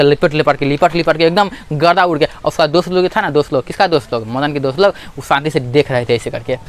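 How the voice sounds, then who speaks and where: A man explaining a school literature chapter as a teacher, asking and answering his own questions over and over. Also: on the high side.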